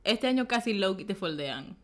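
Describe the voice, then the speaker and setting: A woman's voice: medium pitch, lively intonation, normal speed, a bit bright. Teasing young woman podcast co-host. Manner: teasing, pushy, slangy. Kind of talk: casual drinking-game chat.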